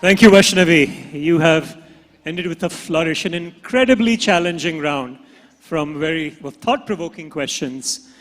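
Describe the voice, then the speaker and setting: A man's voice: fairly high pitch, expressive, unhurried, a bit bright. A man with an Indian accent hosting a live pageant on stage. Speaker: pageant host. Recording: long hall reverb from stage PA.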